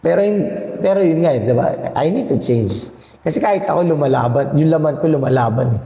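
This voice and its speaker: A hoarse man sharing candidly at a church fellowship, self-deprecating and laughing often. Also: a little high, expressive, brisk, warm tone. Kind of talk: casual faith chat. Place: church hall. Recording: echoey hall with long reverb.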